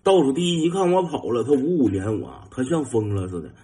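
A young man with a Northeastern Mandarin accent spins a casual anecdote at a mid-range pitch. He keeps it lively, imitating engine sounds and breaking into chuckles as he goes. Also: quick pace. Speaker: storyteller.

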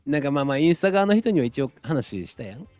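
A man with a Kansai accent co-hosting a casual free-talk podcast, animated and teasing, laughing often. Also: a little high, fast talker, soft background music. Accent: Kansai Japanese. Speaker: company president and co-host.

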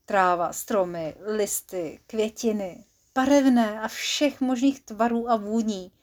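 A young mother spinning a bedtime tale for her child in a soft, unhurried voice. She narrates casually, with small slips and fillers left in. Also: medium pitch. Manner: gentle, relaxed, unedited storytelling with small slips. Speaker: mother telling a bedtime story. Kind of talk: storytelling to a child.

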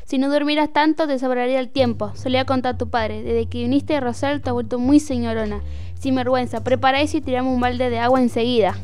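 A woman's voice: high-pitched, steady tone, fast talker, darkish tone, clear, resonant tone, natural voice. A woman with a Rioplatense Spanish accent playing a nagging, commanding country mother in an audio drama. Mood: scolding. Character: scolding, bossy farmhouse mother.

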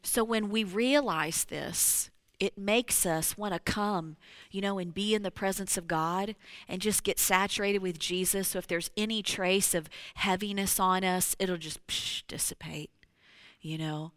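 A woman preaching a sermon to a congregation. She talks to them directly, slips into hushed whispers and then rises to loud exclamations. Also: medium pitch, steady tone, measured pace, smooth, no echo, clean studio sound. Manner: addresses the congregation directly, with frequent "you know".

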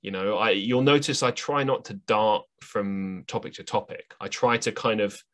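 On his solo podcast monologue, a man muses earnestly and reflectively, wandering off track, putting himself down, and often restarting with ums. He speaks at a moderate pace in a slightly bright voice on the low side.

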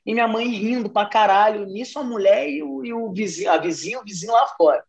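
A man's voice: high-pitched, quick pace, gravelly. Profane young man. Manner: profane, animated, slangy storytelling. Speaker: podcast storyteller. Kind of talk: casual chat, telling an anecdote.

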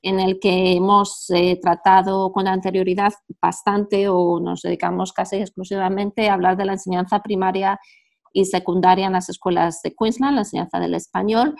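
Gravelly-voiced Spanish woman host. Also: mid-range voice, fairly even intonation, normal speed, a little mellow. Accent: Spain. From Spain. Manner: thoughtful, hesitant with fillers. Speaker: radio host and teacher. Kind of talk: radio interview.

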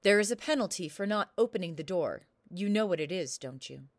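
A woman's voice: lowish voice, lively intonation, fairly quick, no echo, clean studio sound. A woman reading a storybook, voicing a stern, angry king who commands and roars. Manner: commanding, roaring.

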